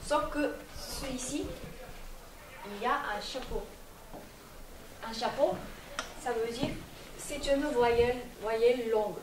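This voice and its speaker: Slow, high-voiced woman teaching a class. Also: background noise. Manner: slow, repeats words for the class to echo. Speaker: Japanese language teacher. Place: festival hall with audience. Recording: echoey hall from far off, audience.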